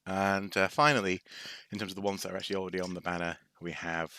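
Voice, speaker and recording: During a live stream, a man from North Wales rambles casually through a show-and-tell, hesitating, restarting and dropping wry asides. His voice is very deep yet bright and crisp at the edges, with little pitch movement and a fast pace. The sound is close and dry.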